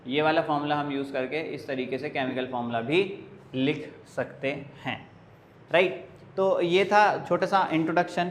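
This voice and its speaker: Man teaching chemistry in an echoey room. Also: fairly high pitch. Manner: asks questions and answers them himself, counts carbons aloud. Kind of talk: classroom lecture, explaining step by step. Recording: echoey room with faint background hiss.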